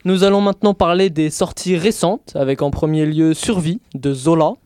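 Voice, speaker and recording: Slightly high-voiced co-host reading announcements. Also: male voice, steady tone, moderate pace, a little mellow, clean tone, no echo, clean studio sound. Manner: formal announcer phrasing. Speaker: radio show co-host. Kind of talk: reading show segments.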